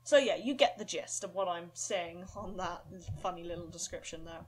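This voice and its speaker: A woman's voice: fairly low pitch, normal speed. A woman explaining audition instructions in a casual, chatty and self-deprecating way. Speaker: casting call director.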